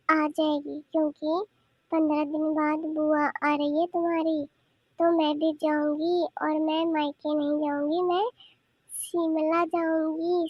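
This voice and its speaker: A sly young cartoon aunt coaxes the family in a sweet, soft-spoken high voice, as a woman voices her. The recording is dry and close. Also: no room sound, muffled recording. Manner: sweet, coaxing, conspiratorial. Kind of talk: cartoon voice acting.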